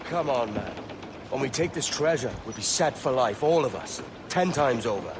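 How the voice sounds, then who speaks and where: An actor playing a brash, ambitious younger pirate captain in a video game, with a blunt, roguish manner. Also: male voice, mid-range voice, expressive, moderate pace, background noise, natural voice. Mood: eager. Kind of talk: cinematic video game acting. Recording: music behind game dialogue.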